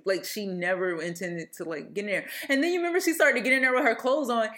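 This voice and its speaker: A woman's voice: medium pitch, quick pace, bright, forceful tone. A woman co-hosting a film podcast, chatting casually and retelling movie scenes at length with lots of fillers. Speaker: podcast co-host.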